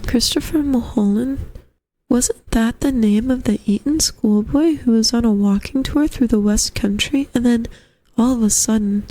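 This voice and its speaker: A woman's voice: a little high, normal speed, mellow, natural voice, poor audio. A woman voicing an earnest young male lodger in a story, musing in a hesitant, courteous way. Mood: searching memory. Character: polite, puzzled, earnest young man, a lodger. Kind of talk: storybook character voice.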